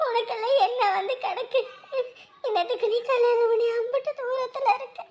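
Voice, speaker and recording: A woman's voice: extremely high pitch, fairly even intonation, moderate pace, a little mellow. An actress playing a grieving widow who sobs and wails through her speech. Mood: wailing grief. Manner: sobbing, wailing speech. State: crying. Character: grieving widow, wailing and bitter. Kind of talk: family drama acting.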